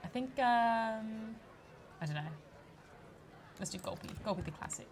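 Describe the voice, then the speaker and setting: A woman's voice: on the high side, unhurried, a little hiss or hum. Chatty woman playing a game. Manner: chatty, laughs often, mock-outraged at park guests. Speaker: community manager streaming a game. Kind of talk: casual let's play commentary.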